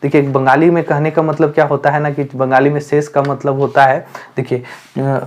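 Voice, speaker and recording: A man with a fairly high voice walks students through a story for an exam. He explains each line slowly, circling back and repeating himself with plenty of fillers. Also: little pitch movement. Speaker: teacher.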